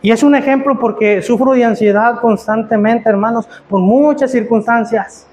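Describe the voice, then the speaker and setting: A man's voice: very high voice, moderate pace, a little mellow, a little hiss or hum. A man, preaching a sermon as pastor, asking his listeners rhetorical questions and often stumbling over repeated words.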